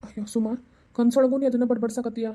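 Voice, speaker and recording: A woman plays a gentle young husband in a Kannada cartoon who is torn between his wife and his parents. He talks quickly in a mellow voice, with a North Karnataka Kannada accent, soothing others while fretting aloud. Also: fairly high pitch, steady tone, natural voice. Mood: worried. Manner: soothing, worried, self-questioning. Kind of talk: cartoon voice acting.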